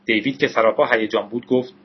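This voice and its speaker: A man narrating an audiobook with steady, even storytelling. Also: medium pitch, slightly rough, dull audio.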